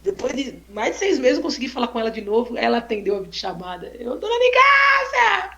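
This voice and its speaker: A woman photographer telling a story in a casual, expressive way, exclaiming often and tagging sentences with "né?". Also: on the high side, fast talker, dull audio. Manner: expressive, exclaiming, frequent "né?" tags. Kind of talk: casual storytelling on a live stream. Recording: roomy echo.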